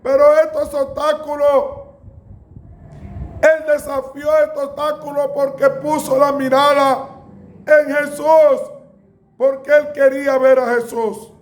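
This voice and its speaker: A man preaching a sermon in a slow, emphatic way, with bursts of raised voice. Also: very high-pitched, little pitch movement.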